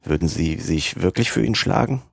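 A man's voice: low-pitched, lively intonation, moderate pace, vocal fry, husky, dry recording, studio quality, full character voice. A man voicing a loyal, worried young manservant in a read-aloud storybook, speaking eagerly.

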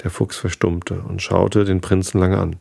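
A man reading a picture book aloud, calm and unhurried. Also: low-pitched, creaky, slightly rough. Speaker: reader.

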